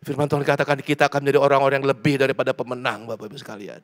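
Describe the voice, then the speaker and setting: A man from South Sumatra preaching a sermon to his congregation, swinging between loud pleading and hushed prayer. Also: mid-range voice, flat delivery, racing. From South Sumatra, Indonesia. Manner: repeats words, addresses congregation directly. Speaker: pastor. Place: church.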